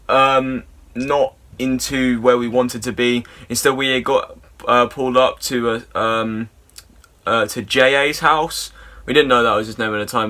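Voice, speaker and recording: Young man, bright crisp tone, sweary rambling storyteller, deadpan. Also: medium pitch. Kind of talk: comic storytime monologue.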